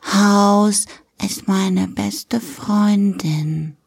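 A woman voicing an earnest, stubborn little girl, drawing out each word slowly like a child. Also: mid-range voice, fairly even intonation, gravelly, a little mellow, husky, exaggerated voice. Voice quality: slow, drawn-out childlike speech.

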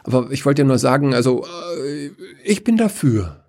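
A man's voice: mid-range voice, very animated, moderate pace, a little mellow, pitched above the performer's own voice. A man voicing a clumsy, scatterbrained male figure of Chaos who stammers and apologizes in a rush. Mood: eager.

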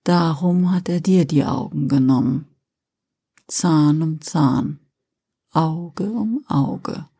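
Lucifer voiced by a woman, whispered role-play, fallen angel, calm and seductive, slow, breathy, dark tone. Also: exaggerated voice. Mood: soft persuasive. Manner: slow, low, gentle, persuasive.

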